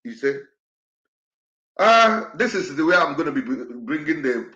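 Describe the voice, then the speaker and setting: A show host delivers emotional commentary to an online audience, speaking passionately and repetitively, and faltering when he gets upset. His fairly high voice swings widely in pitch at a measured pace, with a bright, forceful tone. The audio is dull and the room echoey.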